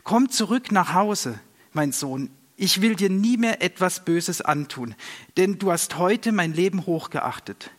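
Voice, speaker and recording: A man's voice: sits high, animated, unhurried, fairly bright tone, heavily acted. A man voicing a troubled older king in a storybook reading, speaking in a raised, questioning voice. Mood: remorseful. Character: older male king, anxious and remorseful. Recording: long reverb.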